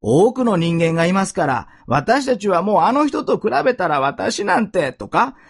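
A man preaching a sermon in an earnest voice that slows down for emphasis. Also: sits high, big pitch swings, slightly rough. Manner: earnest, slow emphatic delivery. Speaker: pastor.

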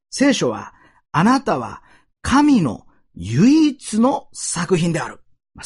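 A man preaching a sermon in an earnest voice that slows down for emphasis. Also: fairly high pitch, slightly rough. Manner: earnest, slow emphatic delivery. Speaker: pastor.

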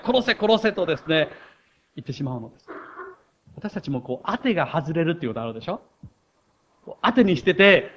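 A middle-aged man preaching a sermon as pastor, emphatic and rising to high exclamations. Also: a bit bright, highs cut off.

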